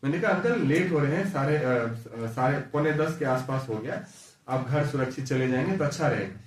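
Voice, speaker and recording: A man's voice: mid-range voice, moderate pace. Earnest man preaching in an echoey room. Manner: earnest, anecdotal, quotes others' words. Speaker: pastor. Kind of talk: storytelling sermon. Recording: echoey room from far off with faint ambience.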